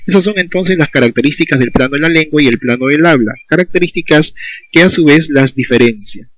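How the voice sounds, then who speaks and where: A man's voice: on the high side, brisk, dry recording, low-quality recording. Male teacher explaining patiently. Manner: patient explaining, often checks in with "¿sí?". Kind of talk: recorded school lesson.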